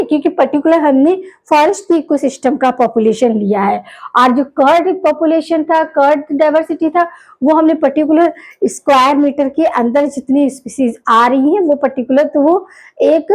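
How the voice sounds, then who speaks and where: A high-pitched woman teaching biology in a lecture style. She keeps posing questions and then answering them herself, checking in with her class. She slows right down when she spells out key terms. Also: mellow, low-quality recording. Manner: mixes English terms into Hindi speech.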